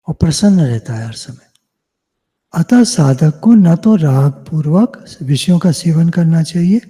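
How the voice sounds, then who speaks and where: A man giving a devotional discourse on scripture over a video call, teaching in a measured way, repeating phrases and asking and answering his own questions. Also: fairly high pitch, vocal fry, dark tone, breathy edge, in a large hall. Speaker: spiritual teacher.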